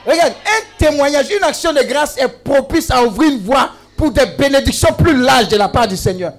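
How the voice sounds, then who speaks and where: A man's voice: very high-pitched, expressive, normal speed, faint music behind. A man preaching a sermon, exclamatory and teasing, with call-and-response to the congregation. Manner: humorous asides and teasing.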